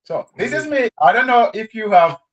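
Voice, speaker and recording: The speaker, a guest from Congo, is a man for whom English is a second language, and he's having a relaxed talk with a class about language learning. He speaks at a normal speed in a high-pitched voice, with the highs cut off in the recording. Expressive and animated, he laughs a lot.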